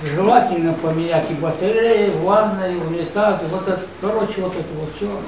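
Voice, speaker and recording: An elderly man in his nineties speaks at a high pitch, pausing and restarting as he hunts for words. He is picked up from a distance in a reverberant office, with a clear hiss of noise behind him. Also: darkish tone. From Russia. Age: 90s. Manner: hesitant, halting, searching for words. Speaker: veteran visitor at a reception. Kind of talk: formal reception conversation. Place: office reception room, indoors. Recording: echoey office room from afar, noisy.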